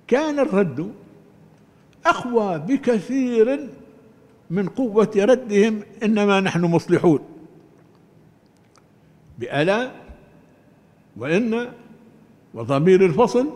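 An older man with a fairly high voice gives a religious lesson, stressing his points deliberately and often restarting a phrase. His voice rings with a long reverb, as if in a large hall. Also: a little mellow. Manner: deliberate, emphatic, with many restarts. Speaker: Quran commentary teacher. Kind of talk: religious lecture.

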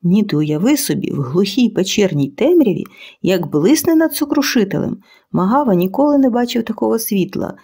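A woman's voice: medium pitch, very animated, a little fast, dark tone, slightly rough. A woman voicing a seasoned male cave guard who tells a war tale with boastful liveliness.

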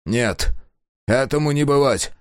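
A man voicing a grim, restrained young male warrior who speaks slowly and quietly. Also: clean tone, no echo, clean studio sound, natural voice. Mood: cold. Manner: slow, low, restrained.

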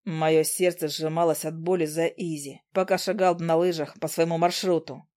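A woman voicing a young male demon who narrates in a low, quiet, reflective voice. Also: steady tone, normal speed, dry recording, studio quality, close to an everyday voice. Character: brooding male demon, protective young man. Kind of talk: first-person audiobook narration.

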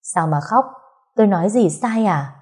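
A woman voicing an older woman, a brisk future mother-in-law who gives orders out of care. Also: mid-range voice, lively intonation, a little mellow, breathy edge. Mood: flustered. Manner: bossy, scolding.

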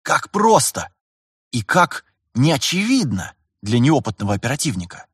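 Husky male audiobook narrator. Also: mid-range voice, big pitch swings, a little slow, no echo, clean studio sound. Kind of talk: scripted narration.

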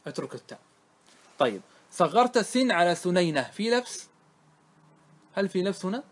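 Arabic grammar teacher reciting and explaining. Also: male voice, sits high, very animated. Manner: recites verses slowly, then explains and quizzes students. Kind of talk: classroom lesson on a grammar poem.

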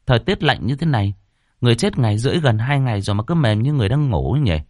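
A man voicing a puzzled young man who stammers and rushes as he speculates. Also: mid-range voice, very animated, darkish tone, no echo, studio quality, pitched above the performer's own voice.

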